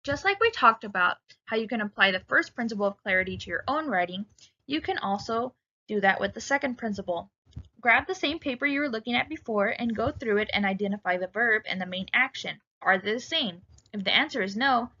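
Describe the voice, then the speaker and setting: A woman giving a recorded writing lecture, speaking clearly and instructively and addressing students directly. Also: on the high side, animated, a little fast, sharp tone, highs cut off.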